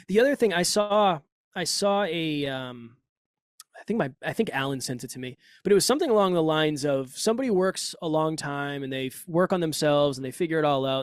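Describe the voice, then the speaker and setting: A man's voice: a little high, no echo, clean studio sound. A man with a Boston accent, a podcast coach talking as a guest in a casual, emphatic conversation. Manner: emphatic, animated, quick asides.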